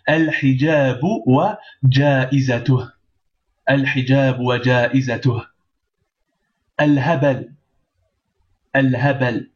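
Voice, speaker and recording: A man's voice: medium pitch, a little mellow, dull audio. A man teaching a step-by-step language lesson, patiently repeating each word and checking that the listener follows. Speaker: Arabic teacher.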